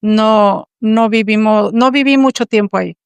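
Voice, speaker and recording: A woman in her sixties with a Mexican accent, telling her faith testimony as a podcast guest in an earnest, measured way. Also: mid-range voice, smooth, no room sound. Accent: Mexican Spanish. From Tampico, Mexico. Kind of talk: personal testimony.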